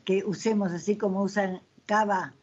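A woman's voice: medium pitch, steady tone, normal speed. An older woman with an Argentine accent, a wine guide author, giving strong opinions in a casual chat. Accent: Argentine Spanish. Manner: opinionated, emphatic. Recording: dull lo-fi audio.

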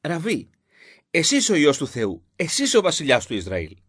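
A man's voice: a little high, wildly swooping pitch, a bit bright, slightly rough, dry recording, studio quality, heavily acted. Nathanael, a man reading a direct young disciple. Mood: wondering. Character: Nathanael, doubting then awed male disciple. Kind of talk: scripted Bible reading.

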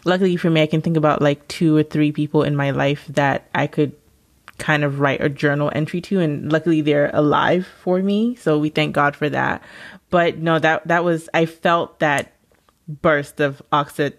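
A woman's voice: sits low, steady tone. A woman hosting a podcast who responds enthusiastically in a casual interview. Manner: enthusiastic, quick interjections of agreement. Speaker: podcast host.

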